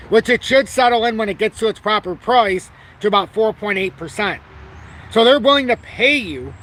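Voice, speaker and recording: A man's voice: sits high, fairly bright tone. A man of forty, brash and rambling, who swears casually and keeps correcting himself as he hosts a casual live stream. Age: 40s. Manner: talks about himself through frequent self-corrections. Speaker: crypto channel host.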